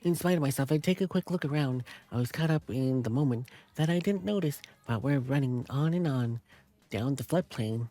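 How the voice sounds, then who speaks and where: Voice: mid-range voice, normal speed, warm tone. Giggly game streamer reading aloud. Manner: giggly, chatty asides between lines. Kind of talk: reading a visual novel aloud with commentary.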